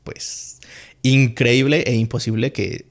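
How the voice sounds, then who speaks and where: Mexican guy on a podcast rambling through a story, super slangy, lots of o sea and fillers, mid-pitched voice. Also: fairly even intonation, slow. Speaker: podcast guest. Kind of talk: casual storytelling chat.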